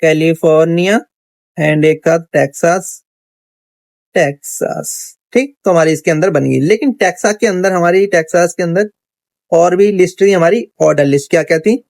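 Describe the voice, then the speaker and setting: Here a man walks through a coding lesson on his screen in a relaxed tutorial, musing aloud and dropping frequent "theek hai" check-ins for the viewer. He speaks at a moderate pace in a slightly high, creaky, somewhat mellow voice, and there's no room sound at all.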